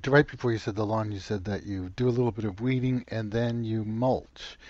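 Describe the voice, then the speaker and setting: A man hosting a radio show, asking a gardening guest questions in a relaxed way. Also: lowish voice, brisk, dry recording. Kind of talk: radio interview. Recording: dry, slightly dull studio sound.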